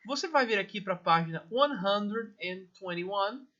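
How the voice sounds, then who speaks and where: A man's voice: high voice, animated, measured pace, sharp tone, muffled recording. A Brazilian man teaching English grammar step by step, checking in with his class after nearly every phrase. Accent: Brazilian Portuguese. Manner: explains step by step, checks in with "tá?" and "né?" constantly. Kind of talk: recorded grammar lesson.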